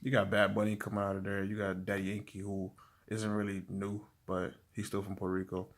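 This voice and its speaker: A young native English speaker gives casual language-learning tips to camera. His voice is on the low side and brisk, and he rambles in a relaxed way, full of fillers and restarts.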